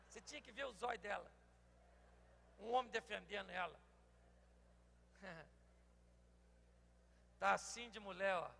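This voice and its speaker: Brazilian man in his sixties, pastor, lively storytelling sermon, gravelly voice, long hall echo. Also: sits high, a little hiss or hum. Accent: Brazilian Portuguese. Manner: animated storytelling, acts out dialogues, bursts into shouting. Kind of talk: humorous sermon.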